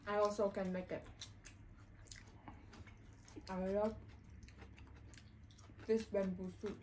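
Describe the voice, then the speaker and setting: A woman chatting casually with her husband over a home-cooked meal, speaking as an in a soft, halting way with many hums. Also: medium pitch, little pitch movement, a little hiss or hum, rough recording. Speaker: vlogger eating with her husband. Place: home kitchen or dining table.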